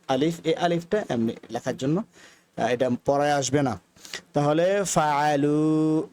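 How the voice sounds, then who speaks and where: A young man teaching grammar in a video lesson, patiently repeating words slowly for practice. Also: on the high side, darkish tone.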